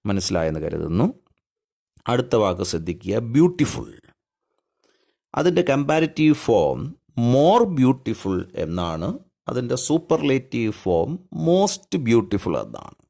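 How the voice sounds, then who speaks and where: Lively, gravelly Malayali man teaching. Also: mid-range voice. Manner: patient, explains step by step, asks and answers his own questions. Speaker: English teacher. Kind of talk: classroom grammar lesson.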